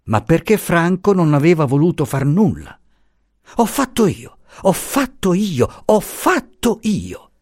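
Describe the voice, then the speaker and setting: A man's voice: sits high, sing-song, slow, a little mellow, no room sound, clean studio sound, voice pushed up, heavily acted. A man voicing a timid, kindly male professor who pleads anxiously and repeats himself. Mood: agitated.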